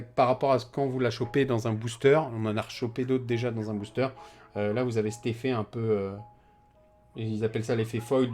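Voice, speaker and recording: A man's voice: medium pitch, mellow. A man giving casual, chatty commentary as he opens card packs, often hesitating and trailing off. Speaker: card collector opening packs.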